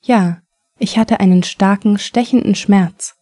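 A woman reading the lines of an adult male patient with an injured arm in a plain, even voice. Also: sits high, unhurried, dry recording, faint music behind.

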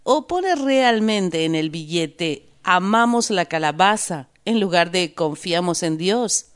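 A woman voicing a worried wife who pleads with and scolds her husband, read slowly as a story for learners. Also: fairly low pitch, animated, smooth. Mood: pleading. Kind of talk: reading a story aloud for learners.

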